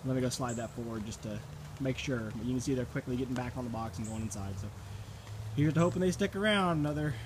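A man walks through his backyard beekeeping work, explaining in a relaxed, chatty way with plenty of fillers. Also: mid-range voice, quick pace. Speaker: beekeeper vlogger. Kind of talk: casual walk-through narration. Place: backyard under a canopy in the rain, outdoors. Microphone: handheld camera mic. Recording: rain noise on camera mic. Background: steady rain on the canopy.

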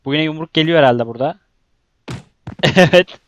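A young man plays a game and talks over it in a loose, excitable way. He keeps exclaiming and grumbling at what happens on screen. His voice sits a little high, with keyboard typing behind it. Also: normal speed. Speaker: gaming YouTuber. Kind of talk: casual let's-play commentary.

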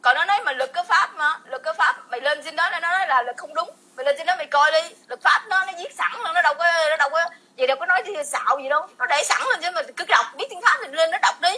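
Woman in her 40s, Southern Vietnamese accent, high voice, sharp tone, indignant rambling rant. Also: quick pace, few pauses. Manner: indignant, rambling, repetitive, breaks into laughter. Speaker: vlogger. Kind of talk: heated casual rant.

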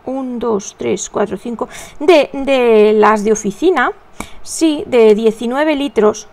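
Chatty high-voiced woman, crochet tutorial host, mutters stitch counts between stories. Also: takes it slowly, creaky, darkish tone. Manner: chatty, counts stitches under her breath, addresses viewers as "reinas".

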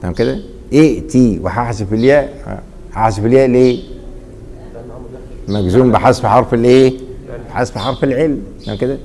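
A middle-aged man with an Egyptian accent teaching a classroom grammar lesson, repeatedly pausing mid-sentence so students fill in the missing word. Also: medium pitch, mellow. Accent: Egyptian Arabic. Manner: quizzing, leaves blanks for students to fill.

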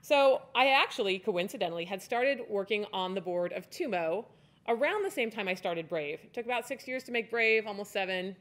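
A woman's voice: medium pitch, animated, fairly quick. A woman in her forties giving a conference talk at a podium on a stage, chatty and loose, with restarts and fillers. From United States. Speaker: conference speaker. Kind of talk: conference presentation. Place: stage in a large hall. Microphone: podium mic.

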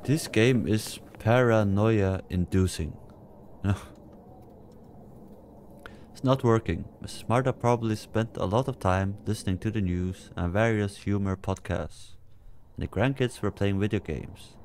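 Low-voiced man muttering through a game. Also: unhurried, a little mellow, slight background noise. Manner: mutters to himself, jumpy nervous asides. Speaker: let's play gamer. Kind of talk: casual gaming commentary.

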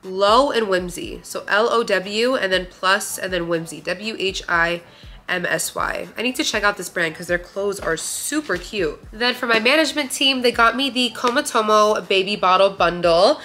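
A woman's voice: mid-range voice, moderate pace, pushed and bright, soft background music. A young woman from Romania talking to her viewers in a casual haul video, chatty and gushing, filler words everywhere, recorded in a living room on a camera in front of her. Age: young adult. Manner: gushing, chatty, says "like" a lot. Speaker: vlogger. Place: bright living room indoors.

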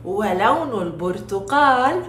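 A woman's voice: mid-range voice, very animated, measured pace, fairly bright tone, roomy sound. A woman presenting a children's lesson, playful and exaggerated, coaxing little ones to repeat words. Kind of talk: teaching toddlers.

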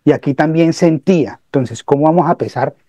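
A man joining a casual spiritual talk, explaining calmly and asking his listeners questions. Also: a little high, a little fast, no echo.

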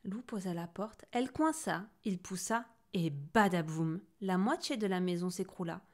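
A woman's voice: mid-range voice, animated, moderate pace, darkish tone. A woman reading a children's picture book aloud, narrating expressively and doing the voices. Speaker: storybook reader.

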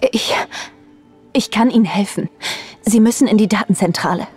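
A worried crewwoman from a sci-fi game, played by an actress, earnest and urgent. Her voice is husky and mid-pitched, with faint music underneath. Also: moderate pace, a little mellow, natural voice. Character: worried, earnest female space station crew member. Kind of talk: video game voice acting.

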